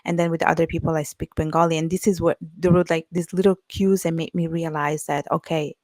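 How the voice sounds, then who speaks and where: A woman's voice: deep voice, little pitch movement, a little fast, a little mellow, no echo. A woman from Italy with an Italian accent, an author talking as a guest in a casual interview, reflective and full of "you know" and "like.".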